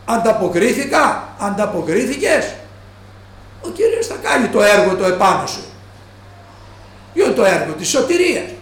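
A man preaching a sermon who slows down and stresses each quoted line of scripture. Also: high-pitched, big pitch swings. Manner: slow, stressed quoting of scripture. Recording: echoey room.

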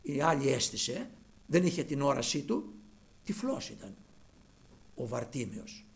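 A man preaching a sermon who tells the story by acting out its voices, swinging from low murmurs to loud calls. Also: sing-song, vocal fry.

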